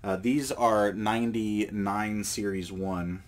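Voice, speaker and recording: He has a cold, and his low-ish voice comes out slowly as he hosts his card collecting channel. Sitting at an indoor table, he shows cards in a casual show-and-tell vlog, rambling along with fillers and frequent self-corrections.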